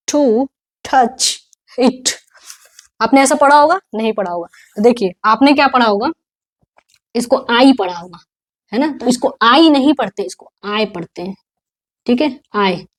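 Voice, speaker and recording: Indian woman, young, grammar teacher, slightly high voice, slow drilled words. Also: a little mellow. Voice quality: slow, drawn-out pronunciation drills. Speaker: English teacher. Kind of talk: online grammar class.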